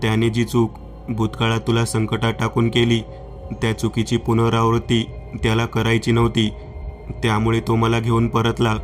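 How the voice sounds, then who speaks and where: A man's voice: mid-range voice, completely flat delivery, soft background music, lightly acted. A man doing a sorrowful woman of seventy. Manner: slow, sorrowful, confessing. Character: grieving woman of seventy, remorseful.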